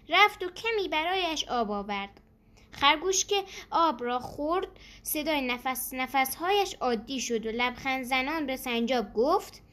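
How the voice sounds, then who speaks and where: A woman narrating a children's story in a gentle, expressive way. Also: high voice.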